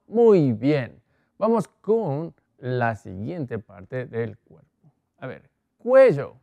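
Man, slow patient teacher, repeats words, dry close mic. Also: medium pitch, a little mellow, dry recording. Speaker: English teacher. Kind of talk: televised language lesson for Spanish speakers.

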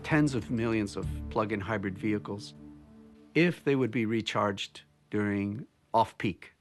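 A man's voice: on the low side, unhurried, faint music behind. A middle-aged man, a researcher, giving plain, matter-of-fact interview answers in an office. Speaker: laboratory researcher. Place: office, indoors.

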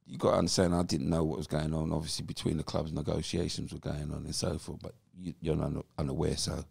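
A man, a podcast guest telling his story in a lively, animated way. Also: rumbling low, fast talker, creaky, breathy edge, no echo. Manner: animated storyteller who acts out voices. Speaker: podcast guest, former footballer. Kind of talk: casual interview storytelling.

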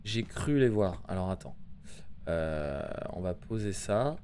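A man in his thirties doing casual live horror-game commentary as a streamer, excitable and jumpy, swearing freely. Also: slow pace, slight background noise. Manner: excitable, jumpy, swearing, bursting into high shouts. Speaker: video game livestreamer. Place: indoors at a home streaming setup.

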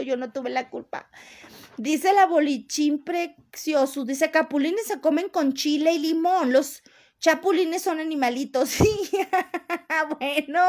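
High-voiced Mexican woman chatting on a live stream. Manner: chatty, laughs often, teasing. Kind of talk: casual live chat reading viewer comments.

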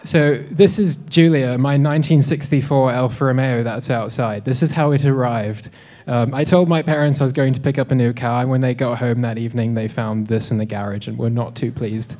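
A young man from South Africa stands with a handheld microphone and tells his story to a live audience. His pitch sits in the middle for a man. He keeps it relaxed and self-deprecating and often stops to say "um". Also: brisk, few pauses. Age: 20s. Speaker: speaker at a live talk event. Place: dim lecture hall with a projector screen.

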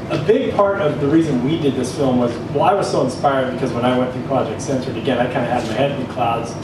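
A middle-aged filmmaker answering audience questions, earnest and full of fillers, on a handheld mic. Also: male voice, mid-range voice. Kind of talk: Q&A answer at a screening. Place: small cafe gallery with audience. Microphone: handheld mic, far camera. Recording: echoey room from far off, loud noise.

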